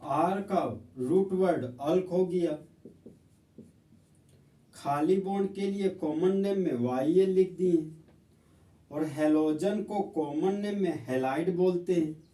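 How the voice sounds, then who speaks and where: A male chemistry teacher explains each step slowly in a friendly, patient way. His voice is dark and mellow, sitting a bit high for a man. He sounds distant from the microphone, with a roomy echo around him. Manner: slow, friendly explaining, often calls listeners friends. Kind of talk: classroom lesson. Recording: echoey room, voice from far off.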